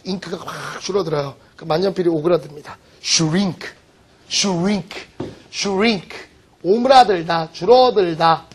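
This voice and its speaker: A man teaching vocabulary in an online lecture, joking and teasing his students with quick rhetorical questions. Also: high-pitched, slightly rough. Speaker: English teacher.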